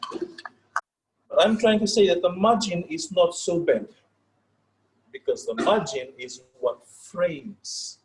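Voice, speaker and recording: In this poor-quality recording, a session leader from Fiji, a native Fijian speaker with a Fijian accent, delivers an informal lecture. His voice runs a little high. He often stops, says words twice and checks in with listeners.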